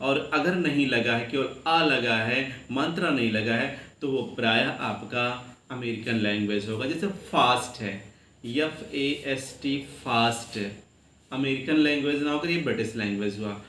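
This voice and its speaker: A man's voice: medium pitch, a little slow. Man spelling words out for students. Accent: Uttar Pradesh Hindi. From India. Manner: addresses students warmly as children. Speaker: lecturer. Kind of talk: classroom grammar lesson. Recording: echoey room with faint background noise.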